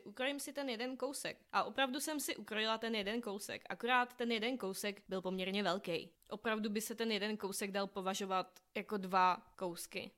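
A woman's voice: mid-range voice, a bit bright. Chatty young woman telling stories. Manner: chatty, self-ironic, laughs at her own jokes. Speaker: podcast host. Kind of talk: casual storytelling monologue.

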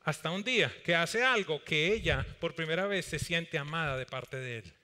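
Male preacher, high clear resonant voice, animated sermon delivery, church hall reverb. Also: moderate pace. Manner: animated preaching, acts out Bible dialogue and skits.

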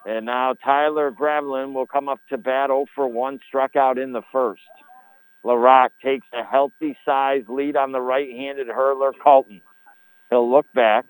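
A man calling a live high school baseball game on radio, with a folksy, colourful turn of phrase. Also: steady tone, a little slow, clear, resonant tone, rough recording. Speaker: baseball play-by-play announcer. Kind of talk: live radio sports commentary. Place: broadcast booth at ball game.

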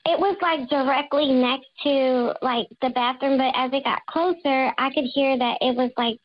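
A woman's voice: sits high, steady tone, moderate pace. A woman calling in anonymously, her voice run through a voice changer, telling her story nervously and hesitantly. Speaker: anonymous caller confessing. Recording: dull lo-fi disguised line.

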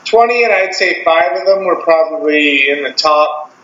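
Laughing storyteller, swears freely; higher voice in an echoey, lo-fi room. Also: male voice, lively intonation, moderate pace, pushed and bright. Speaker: podcast co-host. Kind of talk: casual chat. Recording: roomy, dull lo-fi sound with faint hiss.

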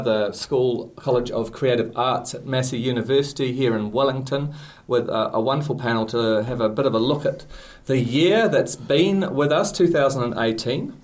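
A man with a New Zealand accent hosting a relaxed panel podcast at a university art school, friendly and chatty with filler pauses. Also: medium pitch. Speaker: podcast host.

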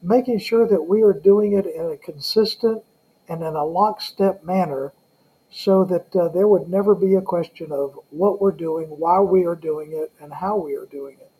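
A man from the American South with a Southern accent, answering interview questions conversationally as a guest, with frequent halting hesitations. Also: high-pitched, mellow, low-quality recording. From Southern United States. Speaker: guest, Salvation Army colonel.

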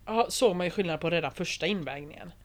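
A young woman with a slightly low voice, chatting casually. She is expressive, laughs often and swears in passing. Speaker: reality show contestant. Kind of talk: casual podcast chat.

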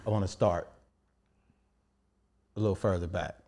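A man's voice: deep voice, fairly even intonation, normal speed, darkish tone, a little hiss or hum. A man hosting a casual podcast interview, joking around while steering the talk back on track. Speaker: podcast host.

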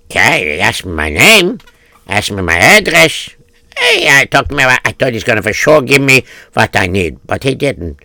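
A man doing a gravelly poor man with a lilt. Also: mid-range voice, wildly swooping pitch, moderate pace, pushed and bright, no room sound, heavily acted. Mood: bewildered. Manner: stammering, pleading, hums to himself.

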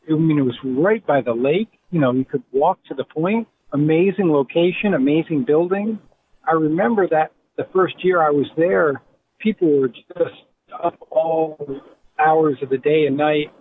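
A middle-aged man with a Rhode Island accent, reminiscing in a relaxed, rambling way as an interview guest. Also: a little high, breathy edge. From Providence, Rhode Island. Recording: tinny phone line with faint hiss.

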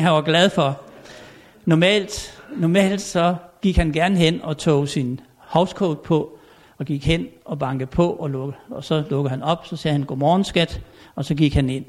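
An older man, a former royal valet, giving an anecdotal storytelling lecture at a country inn. He acts out quoted dialogue and often pauses to hesitate. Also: on the high side, darkish tone.

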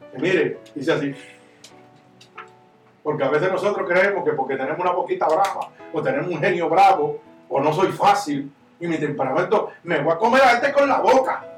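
A man preaching a sermon as pastor, impassioned and swinging from loud to hushed. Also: a little high, distant mic. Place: church. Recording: echoey church room, miked from afar, soft guitar behind.

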